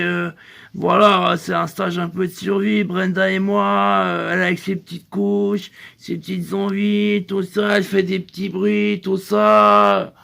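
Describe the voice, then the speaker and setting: A man with a high, gravelly voice rambles through an improvised comedy sketch. He keeps repeating himself and leaning on fillers. At times he coos in baby talk to a pretend infant. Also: fairly bright tone. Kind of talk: improvised comic monologue.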